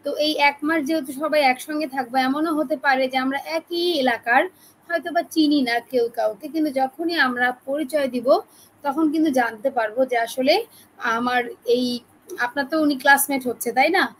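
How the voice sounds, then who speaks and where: High-voiced woman speaking softly with a sore throat. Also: moderate pace, a little hiss or hum, rough recording. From Bangladesh. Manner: chatty, friendly, addresses listeners as apu. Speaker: online class trainer. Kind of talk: live online class, reading out participants.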